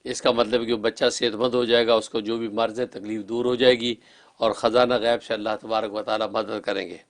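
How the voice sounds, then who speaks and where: A man interpreting callers' dreams on a religious call-in show, calm and advising in a set, formulaic way. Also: on the low side.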